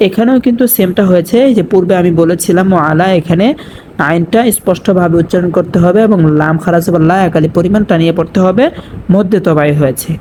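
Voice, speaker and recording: A woman teaching recitation in a warm, mellow voice. She spells out letters and vowel marks one by one, then draws the words out slowly. She speaks straight to her viewers, over faint background noise. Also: on the low side, rough recording. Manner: addresses viewers directly and checks understanding. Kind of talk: tajweed lesson with spelled-out recitation.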